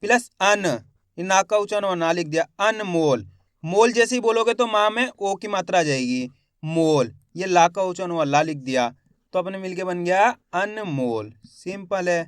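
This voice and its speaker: High-voiced man sounding out syllables. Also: animated, clean tone, no room sound, clean studio sound. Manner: slow, drawn-out syllable by syllable pronunciation; addresses viewers as friends, asks quiz questions. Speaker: Hindi reading teacher. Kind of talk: spelled-out reading lesson.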